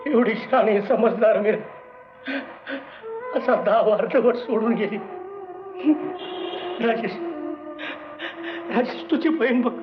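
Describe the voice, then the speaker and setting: A man's voice: high-pitched, takes it slowly, pauses often. An actor playing a young husband desperately calling out to his dead wife, voice breaking with grief. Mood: grief-stricken. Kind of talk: Marathi film melodrama acting. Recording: dull old film soundtrack with music.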